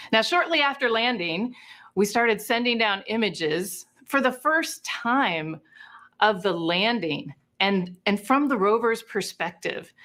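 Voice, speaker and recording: A woman presents a space mission update in a mid-range voice. She explains things clearly for a general listener and keeps an upbeat, positive manner. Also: mid-range voice, fairly bright tone. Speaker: space mission team member.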